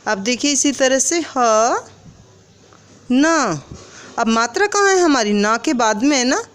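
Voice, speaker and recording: A woman teaches young children to read and write, sounding out each syllable before saying the whole word. She speaks slowly and patiently. Her voice sits a little high, and she often puts questions to the children. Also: animated. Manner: slow, syllable-by-syllable spelling, asks children questions. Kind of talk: children's Hindi lesson.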